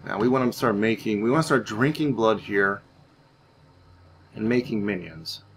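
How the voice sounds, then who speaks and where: Rambling as he thinks out loud, a man hosting a gaming channel casually comments on his gameplay. He speaks in a lowish voice at a moderate pace, with faint noise in the background.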